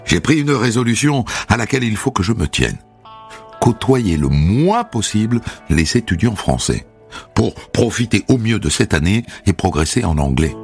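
A young man from Saint-Denis with a Paris-suburbs accent, narrating his own story in an animated, lively way. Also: fairly low pitch, moderate pace, creaky, faint music behind. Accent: Paris suburbs French. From Saint-Denis, France.

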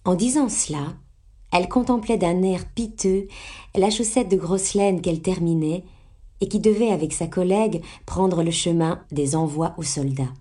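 A woman narrating a classic novel in a measured, expressive storytelling way. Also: fairly low pitch. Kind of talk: audiobook reading of a classic novel.

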